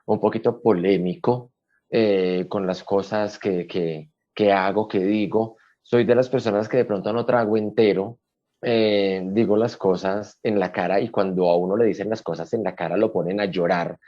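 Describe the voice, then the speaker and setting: A man's voice: on the low side, steady tone, normal speed, highs cut off. A Colombian man being interviewed, speaking bluntly and emphatically with frequent restarts, in a casual chat. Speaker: guest.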